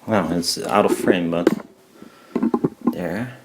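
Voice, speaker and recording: Speaking slowly in a low voice, a man muttering to himself gives casual, halting commentary on his DIY work at a home workbench indoors. Clicks from handling and background noise come through clearly.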